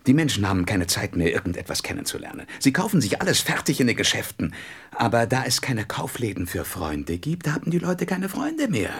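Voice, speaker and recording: In a radio play, a male actor voices a gentle, wise, wistful fox, speaking tenderly and deliberately in a heavily acted, expressive storybook style. His medium-pitched voice is husky and breathy, often dropping into whispers, with a gently pleading mood.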